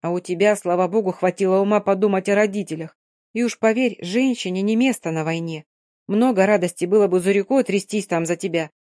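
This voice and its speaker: A woman's voice: medium pitch, unhurried, hardly any pauses, mellow, no room sound, clean studio sound, close to an everyday voice. A woman reading an audiobook, voicing a fierce, stubborn young woman who scolds sharply and then consoles firmly. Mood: scolding.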